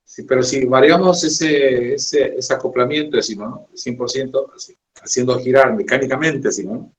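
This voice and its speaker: A male electronics teacher giving a slow classroom lecture, talking haltingly and keeping up a steady stream of check-in tags. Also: medium pitch. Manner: slow, halting, keeps adding "decimos, ¿no?". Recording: echoey room.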